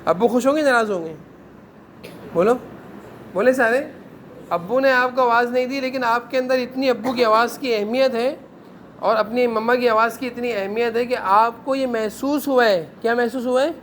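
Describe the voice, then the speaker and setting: Man lecturing kids in a madrasa class, strikingly high voice, strict and scolding, bit of faint noise behind. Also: steady tone, fairly bright tone. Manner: stern, drills class to answer in chorus. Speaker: madrasa teacher.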